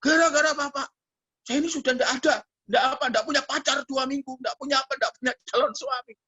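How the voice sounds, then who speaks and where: A man's voice: fairly even intonation, fast talker, pushed and bright, lo-fi sound. A male pastor voicing a distraught young woman who pleads that she is ashamed. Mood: pleading. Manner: high, wailing and pleading.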